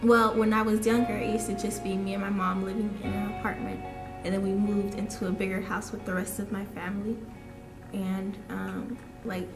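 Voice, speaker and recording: A woman's voice: mid-range voice, flat delivery, normal speed. A young woman from Florida talking casually about her family, peppering her speech with "like.". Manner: casual, uses "like" a lot. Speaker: interviewee. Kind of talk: casual recollection. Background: music.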